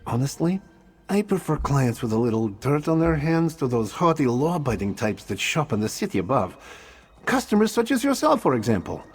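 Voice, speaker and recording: An actor playing a courteous, conspiratorial shady merchant in a video game, flattering customers. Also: male voice, mid-range voice, a little fast, slightly rough, faint music behind. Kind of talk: video game character acting.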